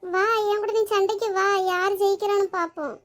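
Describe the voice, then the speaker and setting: A woman's voice: very high-pitched, steady tone, a little fast. A woman voicing a bossy, quarrelsome old mother-in-law in a cartoon, speaking. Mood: scolding. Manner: scolding, demanding, picks fights.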